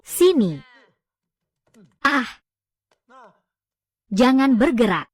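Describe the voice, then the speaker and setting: A woman with a high, light voice reads a film's dialogue aloud for a recap. She speaks every character's lines in the same steady voice and does not switch voices between them. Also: very slow, breathy edge, dry recording. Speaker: film recap narrator.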